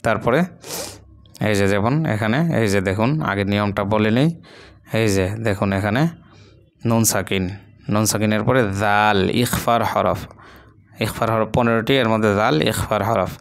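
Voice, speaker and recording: Male recitation teacher from Bangladesh, patient and repetitive, low smooth clear voice. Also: steady tone. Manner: patient, repeats syllables slowly, drawls long vowels. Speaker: Quran reading teacher. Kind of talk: step-by-step recitation lesson.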